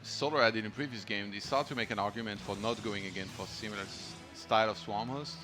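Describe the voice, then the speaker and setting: A man with a lowish voice talks fast while commentating on a StarCraft tournament, trading casual, self-deprecating jokes. Music plays behind him.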